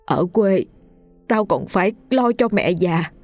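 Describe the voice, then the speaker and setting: A shaken young man, stammering and trembling with guilt, as a woman puts him on in a storybook reading. His voice sits low and stays close and dry. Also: a little slow, a little mellow, no echo, faint music behind. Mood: panicked guilt. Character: young man, a frightened guilt-ridden office manager.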